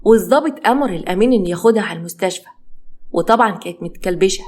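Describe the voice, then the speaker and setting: A woman with an Egyptian accent narrating a dramatic story in a brisk storytelling manner. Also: medium pitch, animated, a little mellow. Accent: Egyptian Arabic.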